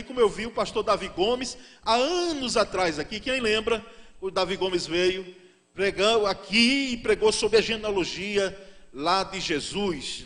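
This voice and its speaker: A man's voice: high voice, fairly bright tone. A man from Brazil who is a pastor, preaching a sermon in a conversational way and checking in with his congregation again and again. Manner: conversational preaching, often asks "não é?". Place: church sanctuary. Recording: long church reverb.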